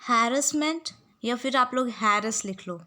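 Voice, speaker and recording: A woman's voice: fairly high pitch, measured pace, bright, forceful tone. A young woman teacher giving a spelling lesson, dictating words and spelling them out letter by letter. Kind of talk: spelling lesson for exam students.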